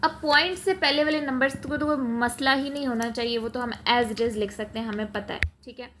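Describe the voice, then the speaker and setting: Pakistani woman math teacher, higher voice, patient, slow and repetitive, explaining while writing. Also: fairly even intonation, a bit bright, slight background noise. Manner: mixes Urdu-Hindi with English terms, patient and repetitive.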